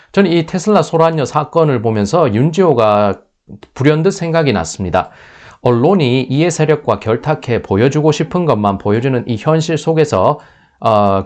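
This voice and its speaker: A man's voice: mid-range voice, a little mellow. A man talks through finance news in a loose, unscripted way. He often stops partway through a word and starts it again, with filler sounds between thoughts. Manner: thinking aloud, with restarts and filler sounds. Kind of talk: spoken news commentary.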